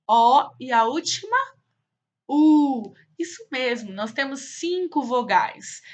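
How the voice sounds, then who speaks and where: Woman teacher doing a kids lesson, slow and sing-song, sharp bright voice, kinda muffled audio. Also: high-pitched. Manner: sing-song, drawn-out, answers her own questions for the kids. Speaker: primary school teacher. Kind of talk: online lesson for young children.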